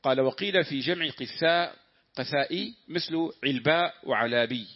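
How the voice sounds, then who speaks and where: A man reading a classical text aloud in a lesson, at a measured pace with pauses for the teacher's remarks. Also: mid-range voice. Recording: dull lo-fi lesson recording.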